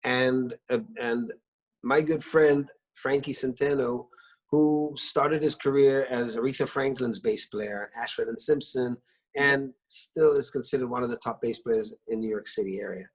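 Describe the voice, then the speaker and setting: On a low-quality recording, a middle-aged man with a slightly rough, mid-range voice speaks a little slowly. Born in Israel and a native Hebrew speaker, he's a singer-songwriter guest on a video call from his living room, warmly telling stories with much hesitation, restarting and filler.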